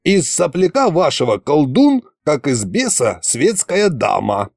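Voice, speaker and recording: Putting on an exaggerated, creaky voice, a man plays a gloating storybook ghost, a furry ball of a creature full of boastful menace. He drags out his threats slowly with a lively, swooping pitch, and the recording is close and dry.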